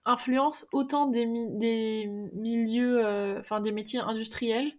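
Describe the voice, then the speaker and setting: A woman's voice: a little high, fairly even intonation, unhurried. A woman guest on a podcast in casual chat, thoughtful and hesitant with many fillers. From Brittany.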